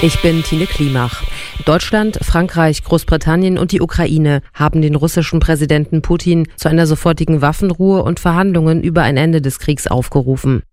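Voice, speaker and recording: A man reading scripted radio news with a clear, smooth delivery. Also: a little high, fairly even intonation, normal speed, darkish tone, soft background music. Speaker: radio newsreader.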